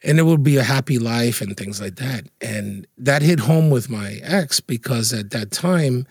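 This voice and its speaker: A man with a husky voice, a guest in an interview, telling anecdotes in a lively, casual way with frequent laughs. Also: medium pitch, measured pace, no echo, clean studio sound. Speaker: interview guest, feng shui consultant.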